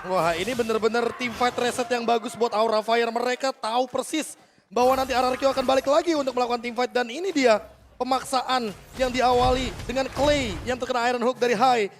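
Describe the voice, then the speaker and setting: A man's voice: very high-pitched, steady tone, a little fast, slight background noise. An Indonesian man giving emphatic, explanatory analysis as a live esports commentator.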